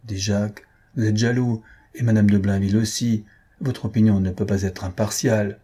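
A man playing a worldly, cynical gentleman who speaks bluntly and mocks the others. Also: on the low side, steady tone, normal speed, slightly rough. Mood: mocking. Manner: blunt, mocking, sententious.

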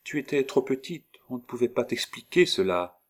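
A man's voice: mid-range voice, big pitch swings, normal speed, pitched above the performer's own voice, natural voice. A man voicing a crafty man disguised as an old woman who sweet-talks a child in an audiobook. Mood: coaxing. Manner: wheedling, sweet-talking a child. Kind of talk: audiobook character voice.

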